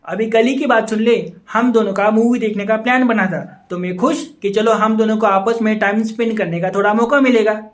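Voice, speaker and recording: A man's voice: sits high, steady tone, brisk, hardly any pauses. A man playing a frustrated young boyfriend who rants and badgers his friend with repeated questions in a comedy sketch. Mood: ranting. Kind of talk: Hindi comedy sketch dialogue.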